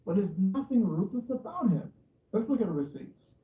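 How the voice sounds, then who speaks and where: Smug, sarcastic commentator, dark-toned and echoey. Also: medium pitch, very animated, normal speed. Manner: smug, sarcastic, taunting exposé with rhetorical questions. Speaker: online commentary show host. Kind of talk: mocking commentary over clips. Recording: echoey, dull, distant mic.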